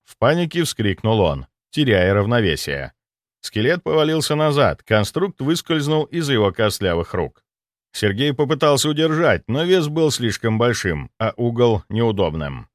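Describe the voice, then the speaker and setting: Lively male audiobook narrator. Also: medium pitch, normal speed, dry recording, clean studio sound. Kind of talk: first-person audiobook narration.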